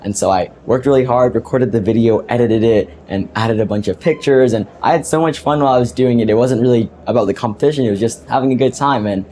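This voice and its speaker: A man's voice: mid-range voice, fast, hardly any pauses, warm tone, a little hiss or hum. A teenage boy being interviewed on a podcast, earnestly explaining his work and laughing easily. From United States. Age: teens. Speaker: guest inventor. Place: podcast booth at a tech event.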